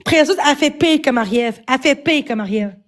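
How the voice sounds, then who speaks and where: A young woman with a Quebec French accent speaks in a high voice on her livestream. She sounds agitated and defensive, tripping over repeated words as she rants. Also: animated, brisk, background noise. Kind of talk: upset livestream rant.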